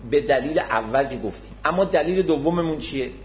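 A man's voice: fairly high pitch, animated. A man giving an explanatory religious lecture, speaking patiently and formally to his listeners, repeating key words to make his point. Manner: modest, addresses listeners formally. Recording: dull lo-fi recording.

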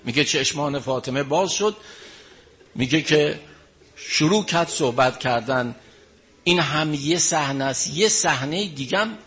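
A man's voice: mid-range voice, bright, forceful tone, slight background noise. A man preaching, telling a mournful story in emotional, lamenting narration.

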